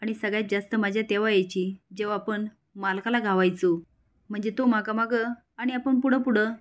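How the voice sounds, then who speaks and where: A woman's voice: mid-range voice, steady tone, brisk, lightly acted. A woman voicing a cheerful young village girl who speaks in rustic, countrified speech.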